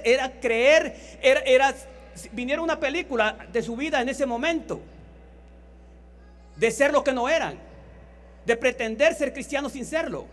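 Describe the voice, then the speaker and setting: A man preaching a sermon in a Honduran accent, telling anecdotes and repeating phrases for emphasis. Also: very high voice. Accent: Honduran Spanish.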